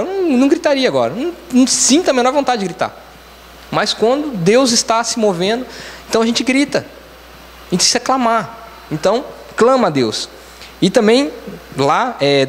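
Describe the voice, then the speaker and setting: A man with a Brazilian Portuguese accent preaching a conversational sermon as a church elder. He explains each point step by step in a plain teaching tone and keeps saying "então, assim.". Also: high voice. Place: church hall. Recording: church hall with long reverb.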